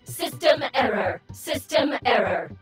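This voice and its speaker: A woman voicing a malfunctioning robotic guardian in a video game, with a robotic voice effect and slow, flat, machine-like repetition. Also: sits high. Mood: glitching. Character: malfunctioning robotic guardian repeating error alerts. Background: game music.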